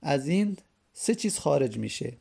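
A man teaching an Arabic grammar lesson in Persian, reading each rule aloud and then explaining it slowly with repeated examples. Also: fairly high pitch, sing-song, vocal fry, dark tone, breathy edge.

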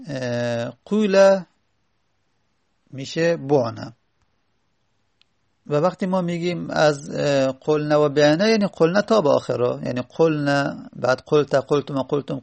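Male teacher with a gravelly, somewhat high voice, reading a text and then patiently explaining it. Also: a little mellow. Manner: reads an Arabic text aloud, then explains it slowly with many pauses and fillers. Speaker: Arabic grammar teacher. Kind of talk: classroom lesson explaining Arabic morphology.

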